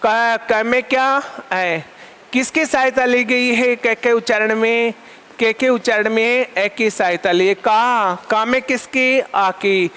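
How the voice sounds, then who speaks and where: Guy teaching a sanskrit lesson, really high voice, keeps quizzing the class then answering himself. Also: fairly even intonation, a bit bright, clean tone. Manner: asks the class questions and answers them himself, repeats terms in lists; dictates definitions slowly for note-taking. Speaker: Sanskrit school lecturer teaching online. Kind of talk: classroom lecture, question and answer drills.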